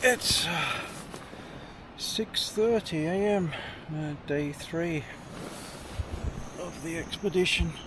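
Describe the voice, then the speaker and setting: A British man casually narrating a camping vlog to camera, musing aloud in an understated, halting way. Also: a little high. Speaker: solo camping vlogger. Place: outdoors at a windy jungle campsite and inside a tent. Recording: loud wind and outdoor noise. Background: wind and camp ambience.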